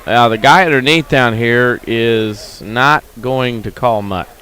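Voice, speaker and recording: A man giving color commentary on a high school basketball game in a gymnasium, plain-spoken with brief remarks. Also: takes it slowly, bright, forceful tone, a little hiss or hum.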